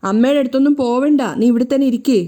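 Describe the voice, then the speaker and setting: A woman's voice: high-pitched, fairly even intonation, racing, warm tone, lightly acted. Woman voicing a drunk, leering villain. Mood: coaxing, menacing. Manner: sweet-talking with a sneering edge. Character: drunk leering male villain, menacing and coaxing.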